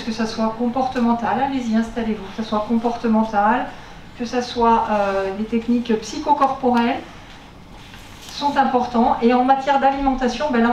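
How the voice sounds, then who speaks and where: In an echoey university lecture room, a woman speaks through a face mask about health, pain, and diet, explaining each step, rephrasing hesitantly, and checking in often with the audience. Her voice is on the high side and a little mellow, picked up by a distant mic amid background noise.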